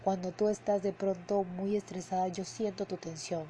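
A woman hosts a podcast in a casual monologue, earnest and heartfelt, often ending her sentences with a questioning "no?". Her voice is mellow and warm, with a faint hiss of noise behind it. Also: medium pitch, little pitch movement, normal speed, poor audio. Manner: earnest, heartfelt, repeats words for emphasis. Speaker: podcast host and emotional coach. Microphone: headphones and podcast mic.

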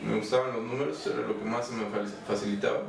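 A man in his forties from Mexico City with a Mexican accent, talking casually as an interview guest, relaxed and rambling with many fillers. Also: lowish voice, quick pace, creaky, noisy background. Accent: Mexican Spanish. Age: 40s. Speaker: guest, finance executive.

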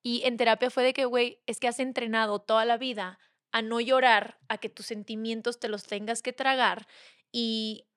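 A woman's voice: a little high, steady tone, normal speed, a bit bright, dry recording, studio quality. A young woman with a Mexican accent, a podcast guest talking candidly and acting out the voices of her family and friends. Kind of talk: casual chat.

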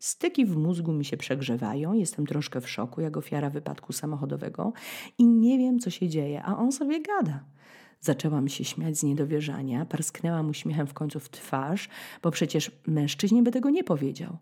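A woman in her thirties from Poland hosting a podcast, telling a story in a dramatic, ironic way, with sudden high-pitched bursts as she acts out scenes. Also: fairly quick, warm tone, husky. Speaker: podcast host. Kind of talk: storytelling monologue.

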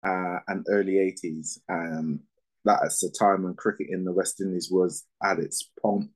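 50s guy, grew up in barbados, low voice, slow careful interview answers with lots of ums. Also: steady tone, poor audio. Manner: measured, with frequent fillers. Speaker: guest, former cricketer and coach.

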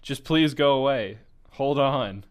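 A man's voice: mid-range voice, steady tone, normal speed, smooth, close to an everyday voice. A man voicing a sobbing young woman on the radio. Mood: distraught.

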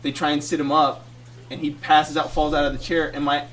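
A man's voice: a little high, fairly quick, recorded from a distance. A man co-hosting a podcast, telling a story casually and laughing through it. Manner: animated, laughs through his own story. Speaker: podcast co-host.

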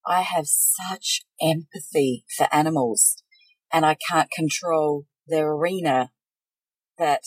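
A woman with an Australian accent co-hosts a casual chat, speaking slowly in a low, husky voice with a confiding, earnest manner. The recording is dry with no echo but of poor quality.

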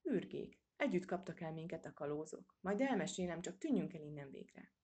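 A woman's voice: sits low, animated, darkish tone. A woman voicing a spirited young male mouse adventurer who gives orders eagerly and impatiently.

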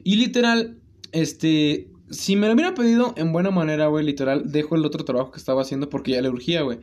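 With a voice on the high side and a fast delivery, a young Mexican Spanish-accented man tells a story in relaxed chat. His speech is slangy and lively, and he laughs a lot.

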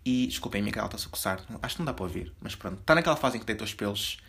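Soft-voiced fast-talking Portuguese young man. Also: lowish voice, lively intonation, vocal fry. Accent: European Portuguese. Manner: rambling, confessional, many fillers and restarts. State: slightly deeper voice from just waking up. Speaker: podcast host. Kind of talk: casual solo podcast chat.

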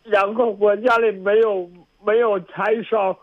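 A man's voice: high-pitched, fairly even intonation, a little slow, dry recording. A male caller phoning into a talk show, his speech slurred and tearful. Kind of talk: phone-in talk. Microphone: phone. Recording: muffled phone line.

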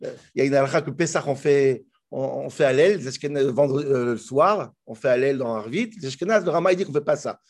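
A man teaching a Torah class, explaining the commentaries in a lively way that often restarts and jumps in pitch. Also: quick pace.

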